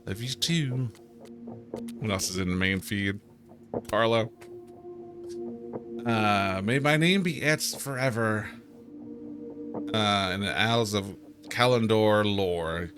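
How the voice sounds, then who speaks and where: A man's voice: fairly low pitch, slow pace, long pauses, music in the background. A man streaming a game, chatting casually, reading in-game posts aloud, playful and stumbling over words. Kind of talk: casual let's-play commentary.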